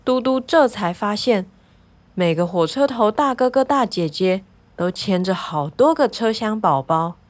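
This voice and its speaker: A woman narrating a children's story in a gentle, lively, clearly paced way. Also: mid-range voice, a little slow.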